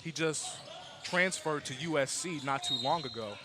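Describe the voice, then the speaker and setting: Young male basketball announcer, slightly high, gym ball bounces behind. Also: normal speed, background noise. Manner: casual, repeats "absolutely", filler-heavy. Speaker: play-by-play announcer. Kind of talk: sports commentary.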